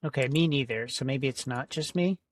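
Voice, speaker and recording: A man's voice: mid-range voice, fairly quick, a little hiss or hum. A man co-hosting a casual gaming podcast, easygoing and laid-back. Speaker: podcast co-host.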